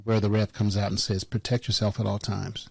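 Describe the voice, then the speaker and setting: A man's voice: on the low side, little pitch movement, fairly quick, vocal fry, darkish tone, slightly rough, no room sound. Blunt, joking man podcast co-host. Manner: blunt and joking, repeats words as he starts a thought. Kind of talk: casual podcast chat.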